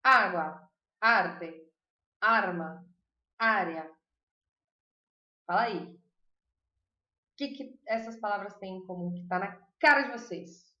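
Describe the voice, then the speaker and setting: A woman teaching a language class online, chatting with her students, asking them questions and slowly repeating lists of words. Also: medium pitch, a bit bright, roomy sound, lo-fi sound. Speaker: Spanish teacher.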